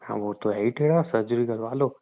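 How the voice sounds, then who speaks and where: In a scripted bit of phone banter, a young man sarcastically teases his girlfriend while tallying up her shopping sums. His voice sits in the mid-range, and he speaks fairly quickly.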